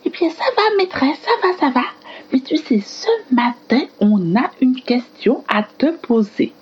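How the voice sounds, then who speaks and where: A woman playing an eager, earnest little schoolgirl with halting, childlike chatter in a scripted educational radio dialogue. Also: high-pitched, sing-song, slightly rough, lo-fi sound, exaggerated voice. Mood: chatty, eager. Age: child character in primary school.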